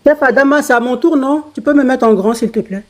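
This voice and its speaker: Woman panelist, high pitch, hurried pleading interjections.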